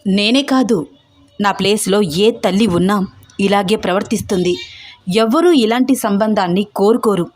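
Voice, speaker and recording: A woman voicing a furious, strict middle-aged mother who scolds in shrill outbursts. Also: normal speed, soft background music, close to an everyday voice. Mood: angry scolding.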